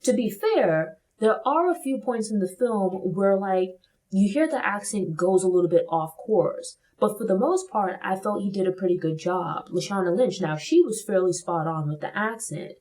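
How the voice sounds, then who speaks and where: In a rough recording, a woman's medium-pitched, slightly mellow voice comes through animated and at a moderate pace. She's from Brooklyn, New York, and hosts a casual film review in a thoughtful style. She keeps softening her points with "like" and "you know."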